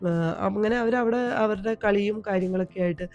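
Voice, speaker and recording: A woman vlogger with a Malayali accent, hoarse from a cold, chatting homely in a voice-over about her day. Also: mid-range voice, steady tone, a little fast, dull audio, faint music behind. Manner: chatty, homely, tags sentences with a soft "ട്ടോ". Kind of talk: home vlog voice-over. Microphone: voice-over recorded at home.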